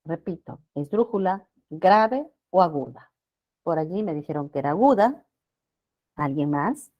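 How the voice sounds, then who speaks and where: A woman teaches a grammar class, speaking in a lowish voice that rises and falls expressively. She keeps checking in with her students and stretches key words out slowly to stress them. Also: lively intonation, highs cut off. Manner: addresses students with frequent checking questions.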